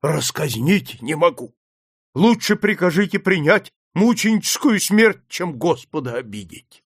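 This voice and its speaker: Guy doing a scared skinny priest begging for mercy, slow and rough, dry recording. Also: on the high side, big pitch swings, no room sound, pitched above the performer's own voice, full character voice. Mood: pleading. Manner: fearful, pleading, fawning. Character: timid thin male village priest.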